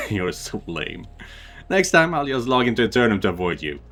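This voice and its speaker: A man's voice: medium pitch, sing-song, moderate pace, a bit bright. A man voicing an irritated, sulky younger sister brushing off her sibling. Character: grumpy annoyed younger sister, young woman.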